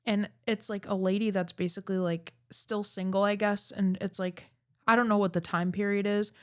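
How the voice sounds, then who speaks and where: A woman's voice: mid-range voice, fairly even intonation, normal speed, smooth. A woman co-hosting a podcast in casual chat, rambling with lots of fillers. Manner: chatty, rambling with many fillers. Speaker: podcast co-host.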